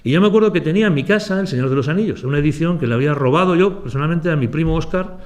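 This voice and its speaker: A man's voice: a little high, expressive, rapid-fire. A man from Aragon, a writer, giving a conversational talk to students that is full of rhetorical questions. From Aragon, Spain. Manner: conversational, addresses listeners directly, rhetorical questions.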